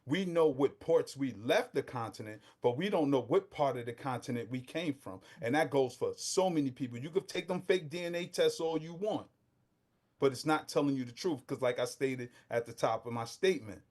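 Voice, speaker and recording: His voice is mid-range and animated at a moderate pace. A middle-aged Brooklyn man, he's a podcast guest in a casual discussion, talking street slang with fervent intensity that climbs toward near-shouting.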